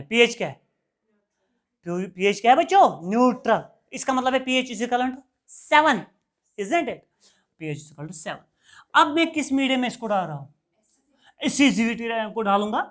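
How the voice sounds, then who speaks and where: In a classroom lecture, a man keeps checking that students are following, quizzing them, repeating the key term, and answering his own questions in a steady call-and-response rhythm. His voice is very high, his speed normal, and he pauses often.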